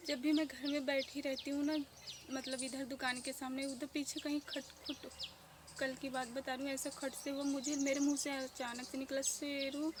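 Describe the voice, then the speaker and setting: A woman in her thirties speaking softly with grief as she tells a casual village vlog story outdoors. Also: high-pitched, level tone, normal speed. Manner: grieving, soft-spoken. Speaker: village vlogger. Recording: noisy outdoor village ambience.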